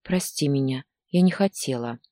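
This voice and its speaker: A woman's voice: very deep voice, normal speed, dark tone, no echo, studio quality. A woman voicing an upset middle-aged woman who accuses and pleads in an audiobook story. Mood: shaken. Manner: agitated, accusing.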